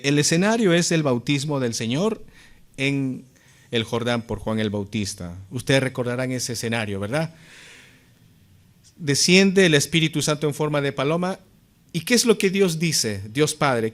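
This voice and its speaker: A man's voice: mid-range voice, expressive, unhurried. A man preaching a sermon as pastor, talking earnestly to his congregation and building to emphatic peaks.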